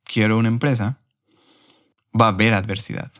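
A young man on a podcast, telling a personal story in an emotional, animated way. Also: lowish voice, moderate pace. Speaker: podcast host.

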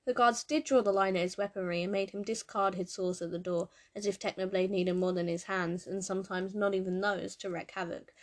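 Woman reading a story aloud. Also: mid-range voice. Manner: measured, expressive storytelling. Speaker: narrator. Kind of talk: fan fiction reading.

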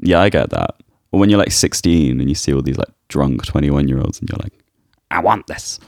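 A man's voice: extremely low pitch, big pitch swings, brisk, gravelly, a little mellow, no room sound, studio quality. A man co-hosting a podcast, chatting casually and playfully, laughing easily. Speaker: podcast co-host. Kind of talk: casual chat.

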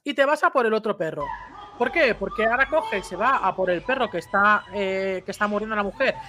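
A woman's voice: mid-range voice, bright, forceful tone, slight background noise. A woman commenting on a dog attack video in a casual, conversational way, often checking in with her listener and explaining step by step. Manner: imitates bite sounds and raises voice for emphasis.

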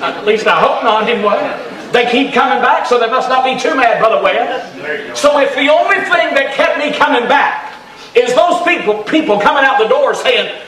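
A pastor preaching a fervent revival sermon in a church, often shouting. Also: male voice, extremely high pitch, animated, moderate pace. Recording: echoey church from far off.

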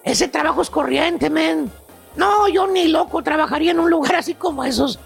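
A man's voice: very high voice, moderate pace, gravelly, faint music behind, voice pushed down, heavily acted. A man voicing a spoiled, picky young man in his twenties who whines and turns down jobs, in a comedy bit. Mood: whiny. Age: 20s. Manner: whiny, dismissive, prissy.

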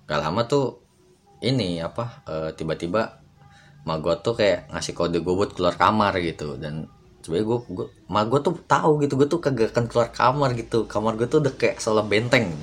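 Young man, low rambling voice. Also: animated, brisk, a little hiss or hum. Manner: rambling, many fillers, slangy. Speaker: podcast host. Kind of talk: casual storytelling monologue.

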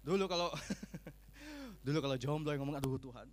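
A man preaching a sermon, humorous and animated, acting out what people say. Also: fairly high pitch, moderate pace. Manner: humorous, animated, acts out quoted speech. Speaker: pastor.

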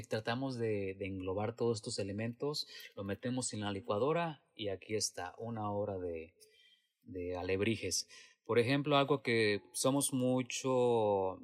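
Soft-spoken man in a hesitant interview. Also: lowish voice. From Latin America. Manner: reflective, hesitant with many restarts and fillers. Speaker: theater actor and producer. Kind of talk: casual interview answers.

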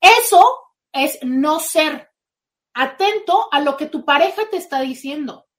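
A woman's voice: high voice, measured pace. A woman hosting a casual advice talk as a therapist, speaking emphatically and acting out little quoted exchanges. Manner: emphatic, animated, slips into quoted voices. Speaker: host and therapist.

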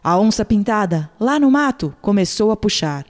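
A woman narrating a children's fable in an expressive storytelling manner. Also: medium pitch, moderate pace. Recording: long hall reverb.

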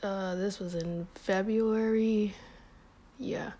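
A young woman telling a personal story in a relaxed, casual vlog style. She fills her speech with "like" and small laughs, and says she feels a little sick and hot. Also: mid-range voice, slow pace. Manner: relaxed, heavy use of "like", frequent small laughs. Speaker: vlogger.

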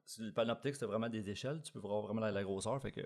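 Young Québécois man, rapid casual storyteller, angler. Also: on the low side, darkish tone. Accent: Québécois French. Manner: fast storytelling, slangy, many restarts. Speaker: tournament bass angler. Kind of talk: casual chat.

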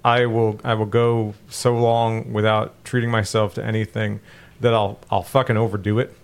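A man's voice: on the low side, level tone, moderate pace, smooth. A married man from the United States co-hosting a podcast, talking candidly and poking fun at himself in casual chat. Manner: candid, self-deprecating, laughs often. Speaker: podcast co-host.

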